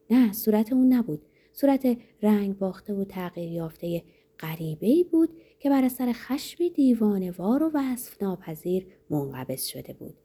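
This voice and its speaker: A woman reading a novel aloud in expressive audiobook narration with a dramatic, varied delivery. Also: mid-range voice, slightly rough.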